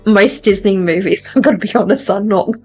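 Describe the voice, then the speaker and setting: Soft background music plays as an adult woman hosts a live tarot stream, reading viewer comments in casual chat and frequently laughing at herself. She talks briskly in a mid-range voice that is darkish and slightly rough.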